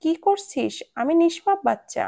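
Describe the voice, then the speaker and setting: Woman voicing a clowning young man, playful teasing, slightly high, gravelly, dry close sound. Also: moderate pace, a little mellow.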